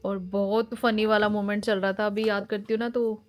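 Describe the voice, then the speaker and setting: Woman in her thirties, mid-pitched, lively casual vlog narration. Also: moderate pace. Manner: chatty, animated storytelling. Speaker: family vlogger. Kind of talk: casual chat while showing wedding album.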